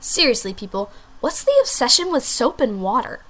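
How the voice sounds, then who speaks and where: Storybook role: woman playing a pampered diva French bulldog girl, five, theatrical, lively swoops, fairly high. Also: moderate pace. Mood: sassy. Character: sassy pampered five-year-old female French bulldog.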